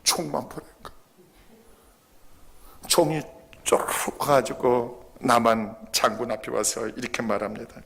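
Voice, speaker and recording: A man's voice: mid-range voice, measured pace, gravelly, pauses often, a bit bright. A man preaching a sermon as pastor in a church, often asking his congregation rhetorical questions. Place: church sanctuary.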